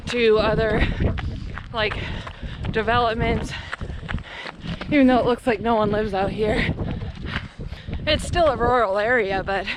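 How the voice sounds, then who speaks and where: An American woman in her thirties chatting candidly to the camera in effortful bursts while running. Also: a little high. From Pennsylvania, United States. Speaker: running vlogger. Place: outdoors on a rural road. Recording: outdoor wind and passing traffic noise.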